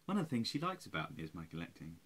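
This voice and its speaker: Very fast and with huge pitch swings, a man of about forty speaks in a deep, slightly rough voice with a bit of brightness. Sitting close to a webcam in a small room at home, he vlogs in a tired, rambling way, cursing and mocking himself.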